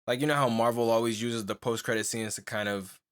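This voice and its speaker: In a casual podcast chat, a young male co-host speaks fairly quickly in a steady, clean, mid-range voice. He talks in a loose, rambling way, full of "like," fillers, and restarts, laughing often.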